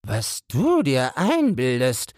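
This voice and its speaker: A man's voice: medium pitch, huge pitch swings, slow pace, darkish tone, dry recording, clean studio sound, pitched above the performer's own voice. A man voicing a pompous, easily offended little male dung beetle in a storybook reading. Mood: scornful.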